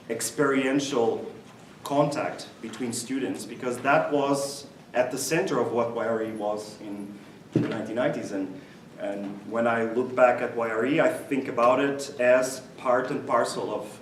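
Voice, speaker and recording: A man's voice: mid-range voice, far from the mic, a little hiss or hum. Reflective man speaking from across an echoey room. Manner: reflective, self-deprecating humor. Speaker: interview guest. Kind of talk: conversational interview answers.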